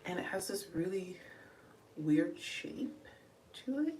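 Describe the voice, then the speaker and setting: A young adult woman talks her viewers through a makeup tutorial in a chatty, casual way, calling them y'all and sounding out of breath. Her voice sits a little low and reaches the mic from a short way off. The room around her is echoey, with faint background noise. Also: animated, slow pace, darkish tone. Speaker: beauty livestreamer. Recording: echoey room, voice slightly distant.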